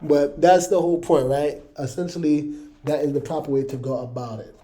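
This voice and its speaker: A man teaching a casual online music lesson in a relaxed way, often checking in with his viewers. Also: on the high side, fairly quick. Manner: relaxed, checks in with "all right, you guys".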